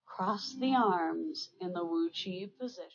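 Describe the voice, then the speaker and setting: An older woman instructor calling out tai chi movements in serene, measured short phrases. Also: fairly low pitch, expressive, breathy edge, lo-fi sound.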